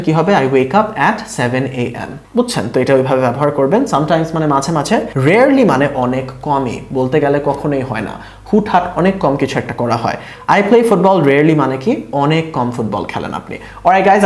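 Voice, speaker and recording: A man teaching English in a lesson, explaining slowly, asking rhetorical questions and switching between Bengali and English. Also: on the high side, a little mellow. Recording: roomy echo.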